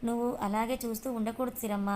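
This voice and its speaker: A woman's voice: a little high, fairly even intonation, quick pace, mellow, slight background noise, close to an everyday voice. A woman voicing a caring, motherly housekeeper who speaks in a soothing, advising way.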